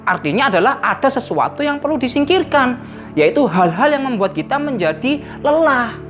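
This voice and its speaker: A woman's voice: high-pitched, normal speed, soft background music. Woman preaching with dull lo-fi sound. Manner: retells scripture in lively everyday dialogue, repeats verses. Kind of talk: sermon. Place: church service.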